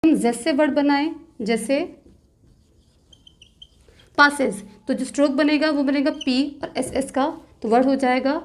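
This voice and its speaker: A woman teaching shorthand step by step, patiently repeating rules and slowly drawing out example words, with terms. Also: sits high, steady tone. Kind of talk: step-by-step tutorial explanation.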